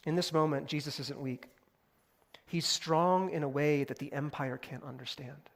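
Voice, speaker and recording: A young man preaching a sermon, talking through scripture in a casual, animated way with playful asides. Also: a little high, moderate pace, vocal fry. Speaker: pastor.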